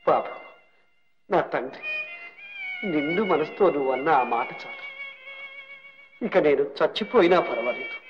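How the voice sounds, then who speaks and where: A man's voice: a little high, expressive, normal speed, pauses often, close to an everyday voice. An actor playing an old ruined rich man with leprosy, humble and grief-stricken, speaking tearfully and pleadingly in a film melodrama. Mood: grateful. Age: older. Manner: tearful, pleading, speaks with rising and falling emotion. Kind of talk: 1960s Telugu film melodrama. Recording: dull old film soundtrack with faint music.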